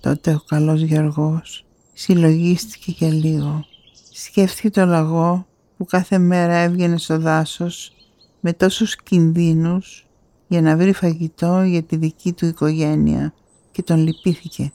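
A woman narrating a fairy tale in an expressive storytelling manner. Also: sits low, no echo. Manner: expressive, rising on key moments.

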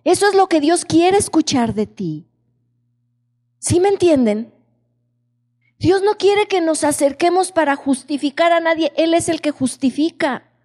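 A woman delivers a sermon in a high, mellow voice, speaking slowly and often asking her listeners questions. Her voice rings with the long echo of a large hall. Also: expressive. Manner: slow, questioning the congregation. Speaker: preacher.

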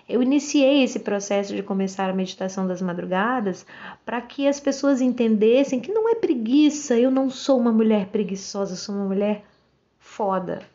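A woman's voice: fairly high pitch, dark tone, muffled recording. A Brazilian woman in her forties, speaking outspokenly and directly in a casual monologue to camera. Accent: Brazilian Portuguese. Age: 40s. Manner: outspoken and direct, acts out quoted voices. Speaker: vlogger.

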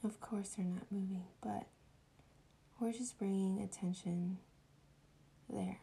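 A woman guides a meditation in a hushed, breathy near-whisper, the soothing sort heard in a spa. Her tone is very dark and relaxed, with little movement in pitch. She speaks slowly and leaves long, restful pauses between instructions. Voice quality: soft, breathy, often whispery voice.

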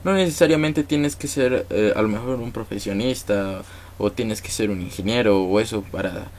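A man with a Mexican Spanish accent speaks as a guest in a relaxed interview. His voice sits fairly low, and he rambles gently with plenty of filler words. He sounds easygoing and grateful. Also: normal speed. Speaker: musician guest. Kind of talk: casual interview chat.

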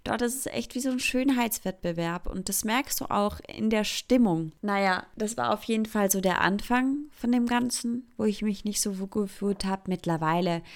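Chatty and self-deprecating, a young woman vlogs openly about her life in a relaxed personal monologue. She comes from Thurgau, Switzerland, and her Swiss German accent blends Thurgau with Zurich, delivered in a mid-range voice.

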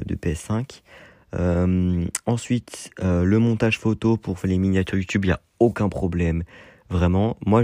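Young male podcast host, low mellow voice, hesitant and rambling, dry close recording. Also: vocal fry, no echo. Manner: hesitant, many fillers and restarts. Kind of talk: casual solo podcast talk.

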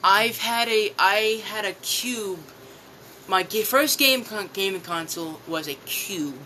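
A man's voice: high voice, takes it slowly, heavy background noise. A young man telling stories in a casual chat, laughing often and swearing freely as he retells them. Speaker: podcast guest.

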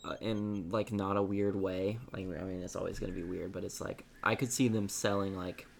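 A man's voice: low voice, steady tone, moderate pace, vocal fry, slight background noise. A man co-hosting a gaming podcast, chatting casually and rambling with lots of fillers while he looks things up. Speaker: podcast co-host. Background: game music.

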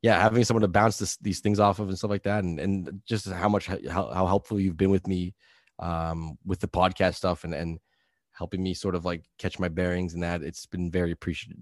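Low-voiced man, relaxed podcast chat. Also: a little fast, dry recording, clean studio sound. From New Brunswick, Canada. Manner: relaxed, rambling, filler-heavy. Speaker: podcast host. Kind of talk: casual chat over video call. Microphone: video call.

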